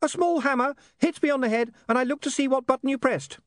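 A man's voice: very high voice, fast talker, dry recording, studio quality, pitched above the performer's own voice. A man voicing a tiny, pedantic green imp living inside a gadget box, rattling off fine print. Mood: fussy.

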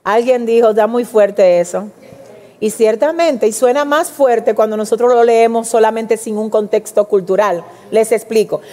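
A woman preacher delivering an animated sermon, speaking directly to the congregation and acting out quotes. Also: on the high side, moderate pace. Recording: long hall reverb.

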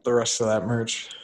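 A young man hosts a relaxed podcast chat with a friend. He talks loosely and laughs often. He fills his pauses with ums and likes as his thoughts trail off. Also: mid-range voice. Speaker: podcast host. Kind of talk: casual chat.

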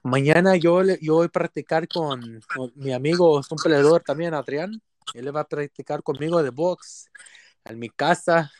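A man with a Mexican accent chatting casually as a podcast guest in halting Spanglish, often repeating words as he searches for the next one. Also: fairly high pitch, no room sound. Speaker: podcast guest, boxer and musician. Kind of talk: casual bilingual podcast chat.

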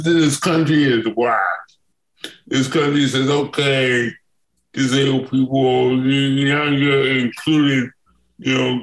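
Guy from buffalo new york, fired up, keeps repeating words, echoey room sound. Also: medium pitch. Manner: emphatic, repeats words, frequent restarts. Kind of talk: conversational interview.

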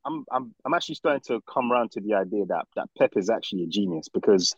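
A husky young man with a London roadman accent and widely moving pitch. He chats about football on a podcast in stop-start slang, repeating himself, on a slightly dull, close microphone. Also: lively intonation, quick pace, a little mellow, dry recording. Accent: London, urban roadman slang. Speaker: podcast co-host. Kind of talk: casual football chat.

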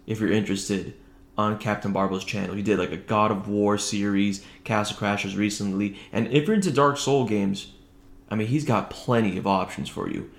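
Recording at home late at night, a podcast host talks through a casual solo sports show in a conversational way, keeping his voice low. His creaky voice holds a fairly even intonation at a moderate pace. The room is echoey, giving the recording a roomy, reverberant sound.

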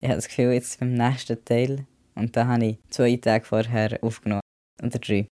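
Swiss german guy rambling casually on his vlog, warm mellow voice, tosses in english words. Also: medium pitch, little pitch movement, normal speed, no echo, clean studio sound. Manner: chatty, mixes in English words. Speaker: vlogger.

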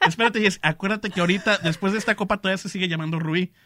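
A woman's voice: medium pitch, very fast, no echo, clean studio sound. A woman from Mexico with a Mexican accent, hosting a casual chat and teasing her co-hosts. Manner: teasing, animated, laughs often. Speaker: podcast host.

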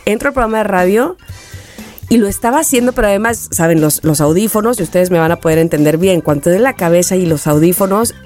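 A middle-aged woman with a Mexican accent co-hosts a podcast, talking fast in a fairly low voice over faint music. She chats casually and tells anecdotes animatedly, acting out the voices and quotes in them.

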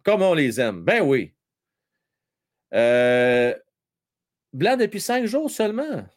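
Host, Quebec French man, lively teasing live-stream chatter, slightly high voice. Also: slow pace. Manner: chatty, teasing, repeats himself, many fillers. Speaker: live stream host reading viewer chat during a hockey game. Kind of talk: casual live chat with hockey updates.

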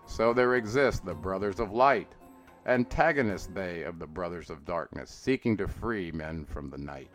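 A man with a very low, heavy voice reads an archaic mystical text like an incantation. His delivery is slow and declamatory, lifting on every call and falling away at the close of each line. Soft guitar plays faintly under him. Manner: slow, intoning and declamatory, rising on calls and dropping low at line ends. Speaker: reader. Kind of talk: solemn dramatic reading of an archaic mystical text. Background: soft guitar music.

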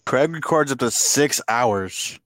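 A man's voice: medium pitch, lively intonation, slow, a bit bright, dry recording. A young man co-hosting a casual podcast, steering the chat and making crude, teasing jokes. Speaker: podcast co-host steering the talk.

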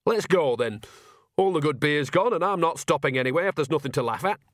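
A man puts on a cheerful old witch woman, blunt and homely, who teases the people around her. The voice sits a little higher than a plain male voice and the sound is dry and close, with no room around it. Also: animated, brisk, a bit bright, no room sound.

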